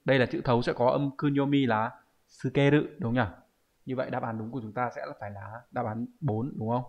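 With a steady tone and fairly quick delivery, a man with a medium-pitched voice and a Vietnamese accent teaches Japanese online, explaining exam answers. He often asks viewers rhetorically to confirm, and the recording sounds dull.

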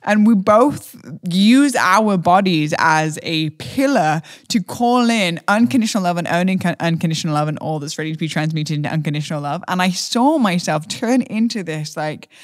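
A woman's voice: fairly low pitch, expressive, moderate pace, hardly any pauses, dry recording. Earnest spiritual podcast host woman, dry sound. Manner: earnest, flowing, spiritual wording with casual slang. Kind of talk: heartfelt spiritual podcast introduction and chat.

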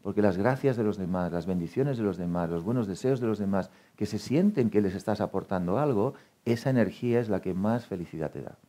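A man giving a spiritual talk to an audience, telling lively stories, acting out quoted dialogue and laughing often. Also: on the low side, fairly quick, few pauses. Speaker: speaker at a meditation talk.

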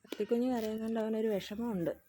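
A woman's voice: on the high side, steady tone, fast, mellow, slight background noise. A woman with a Malayali accent, chatting casually and narrating while coaxing her pet dog in sing-song baby talk. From India. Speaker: pet owner vlogger.

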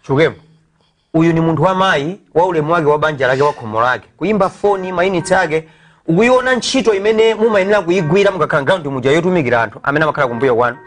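A man's voice: fairly high pitch, quick pace. A middle-aged Malawian man hosting a live sports phone-in show in a TV studio.

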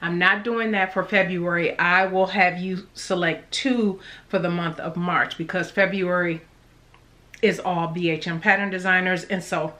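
A woman's voice: fairly low pitch, steady tone, measured pace, bright, forceful tone. A middle-aged woman hosting a casual vlog, talking with a numb, swollen mouth from the dentist that slightly blurs her words. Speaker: sewing channel host. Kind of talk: casual chatty vlog to camera. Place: small indoor room at home.

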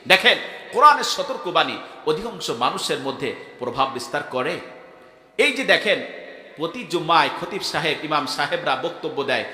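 A man's voice: fairly high pitch, sing-song, normal speed. Fiery male preacher in an echoey hall. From Bangladesh. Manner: call-and-response, prompting the crowd to answer back; swings from soft phrases to shouted peaks. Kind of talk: fiery Islamic sermon at a gathering. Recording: echoey hall over a PA system.

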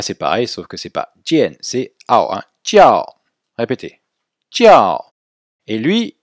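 A man teaching a language lesson, explaining clearly and slowing right down to model words for students to repeat. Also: mid-range voice, no room sound, clean studio sound. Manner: clear didactic explaining, slow drawn-out model pronunciations for repetition.

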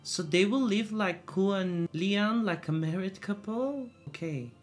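Slow-spoken woman reacting to a show. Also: medium pitch, over music. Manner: thinks aloud in short bursts, repeats words. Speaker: reaction video host. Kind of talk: casual reaction commentary.

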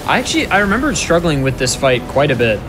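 A man's voice: a little high, sing-song, quick pace, rough recording. A man commentating as host on a gaming stream, trading casual, dryly teasing banter. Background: game music and sound effects.

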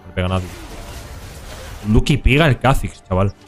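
A man's voice: lowish voice, animated, a little fast, faint music behind. Slangy Spanish streamer man. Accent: Spain Spanish. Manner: casual and slangy, talks to chat. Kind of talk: live gameplay commentary.

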